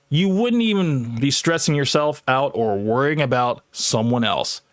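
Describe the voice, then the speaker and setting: A man's voice: on the high side, dry recording, studio quality. A man arguing his views bluntly in a live online debate, often repeating himself.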